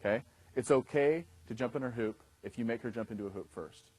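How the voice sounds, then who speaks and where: This husky, slightly mellow mid-range voice belongs to a man in his thirties, a dating coach instructor. He talks a little fast while teaching a class in a conversational style, frequently checking in with the people listening.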